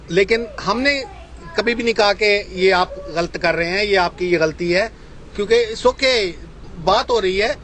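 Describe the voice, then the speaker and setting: While driving, an Ahmadi missionary debater records a voice message in a high, slightly bright voice with a faint hiss or hum. His debate reply sounds polite yet mocking, and he says "please" over and over.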